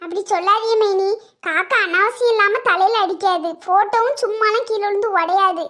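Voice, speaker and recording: A woman's voice: extremely high pitch, a little fast, bright, forceful tone. A woman voicing a fearful, superstitious younger sister-in-law who pleads urgently in a cartoon. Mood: pleading. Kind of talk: cartoon voice acting.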